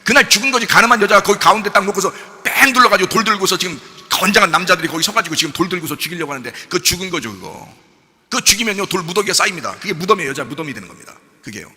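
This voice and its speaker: A male pastor delivers a dramatic sermon, moving from loud, urgent outbursts to hushed, tender passages as he acts out scenes. His voice is bright and forceful and rushes along at a quick pace. A long reverb from a large church hall trails his words. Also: sits high, animated. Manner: dramatic preaching, acting out quoted dialogue, swinging from loud to hushed. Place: church sanctuary.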